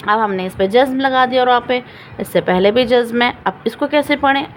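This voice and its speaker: A woman teaching Quran recitation rules step by step, patiently repeating each example slowly and asking questions she then answers. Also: a little high, a little hiss or hum, poor audio. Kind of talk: step-by-step Quran reading lesson.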